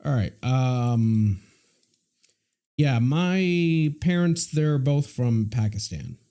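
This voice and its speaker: Lively, mellow-voiced male streamer. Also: mid-range voice, very slow, clear, resonant tone. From United States. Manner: chatty, reads and answers viewer messages. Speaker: live streamer. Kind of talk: casual live-stream chat.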